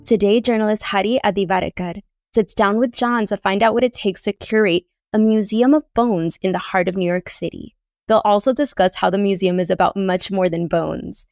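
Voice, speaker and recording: A woman podcast host reading a polished, scripted introduction in a measured announcer delivery. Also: mid-range voice, a little mellow, no room sound, studio quality. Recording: music bed underneath.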